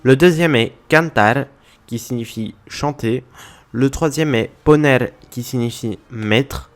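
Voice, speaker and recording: A man's voice: mid-range voice, takes it slowly. Man explaining grammar step by step. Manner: methodical, spelling out examples. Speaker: language teacher. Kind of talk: explanatory language lesson.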